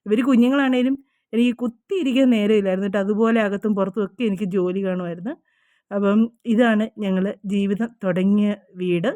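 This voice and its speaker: A woman's voice: medium pitch, fairly quick, dark tone, reverberant. A middle-aged woman from Kerala, telling her life story in a chatty, confiding vlog. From Kerala, India. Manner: chatty and confiding, frequent "kettō" tags. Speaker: vlogger. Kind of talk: casual personal storytelling. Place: outdoors at her old house.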